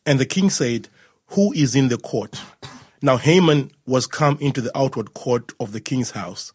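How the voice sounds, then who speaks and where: Man from Malawi, grew up in Zimbabwe, reads scripture calmly, husky voice, dry close mic. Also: medium pitch, no room sound. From Malawi, raised in Zimbabwe. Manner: calm, reads scripture aloud in measured tones. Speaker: co-host and scripture reader. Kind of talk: casual Bible discussion with scripture reading.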